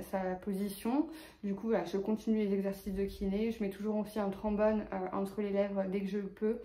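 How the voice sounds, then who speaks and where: A woman's voice: mid-range voice, mellow, echoey room. A woman with a lisp on her s sounds, talking casually and hesitantly in a personal vlog update. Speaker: vlogger.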